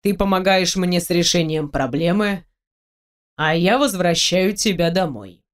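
A reader voicing a cunning, powerful male mage lord who speaks calmly and tersely in an audiobook. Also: mid-range voice, a little slow, natural voice. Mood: explaining. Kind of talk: audiobook character voice.

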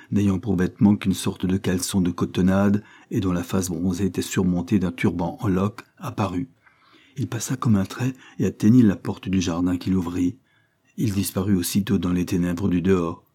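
A man reading an adventure novel aloud as narrator in a measured, dramatic way. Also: low-pitched, mellow, breathy edge. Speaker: audiobook narrator.

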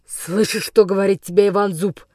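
A woman voicing a coarse older male forest vagabond villain in an audiobook, with a rough, menacing, gloating voice. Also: mid-range voice, steady tone, moderate pace, warm tone, dry recording, clean studio sound, natural voice. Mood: threatening. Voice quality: rough, hoarse-edged voice. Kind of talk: audiobook character reading.

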